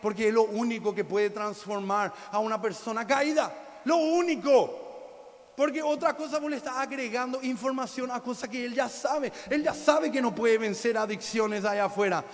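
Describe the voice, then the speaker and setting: High-voiced male preacher in a reverberant hall. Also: normal speed, hardly any pauses. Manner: preaching with sudden shouts and soft drops. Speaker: pastor. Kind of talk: sermon. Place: church hall.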